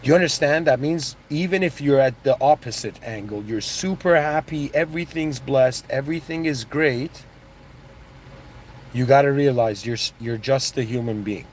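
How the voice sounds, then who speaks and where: With a bit of hiss or hum in the background, a motivational speaker born in Iran and raised in Canada speaks at normal speed in a mid-range voice. He's casual and rambling, restarting thoughts, drifting into asides and leaning on "you know what I mean."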